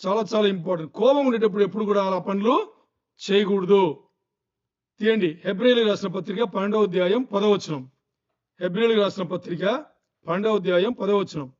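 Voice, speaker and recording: A high-pitched male pastor preaching a sermon to his congregation. He keeps firing rhetorical questions and urging them to think. The dull, lo-fi recording muffles his voice. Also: a little fast, long pauses, a little mellow.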